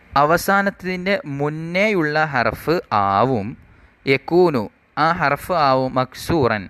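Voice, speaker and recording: A man teaching an Arabic grammar lesson, reading rule text slowly and then explaining it, asking questions and answering them himself. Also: medium pitch, fairly bright tone.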